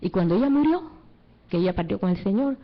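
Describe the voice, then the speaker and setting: A woman's voice: medium pitch, expressive, fast talker. Woman, middle-aged, preacher, emotional testimony, acts out quoted voices, muffled recording. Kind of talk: testimony sermon.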